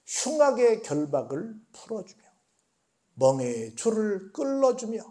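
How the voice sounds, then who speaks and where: High-voiced, mellow-toned Korean pastor preaching. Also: male voice, big pitch swings, a little slow. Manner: conversational preaching, asks the congregation questions and answers them; swings between loud emphatic bursts and quiet asides. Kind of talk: sermon at a Wednesday prayer meeting.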